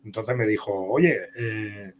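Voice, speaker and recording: A Spanish comic book author, his Castilian accent clear, takes his time in a fairly low-pitched voice. As a guest in an interview, he wanders conversationally from one career anecdote to the next.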